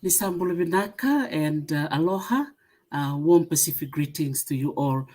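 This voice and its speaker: A middle-aged woman from Fiji giving a webinar presentation, pausing often with "uh" as she lists her points. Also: low-pitched, lively intonation. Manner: many "uh" fillers, warm greetings, listing points. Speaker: museum association secretary-general speaker.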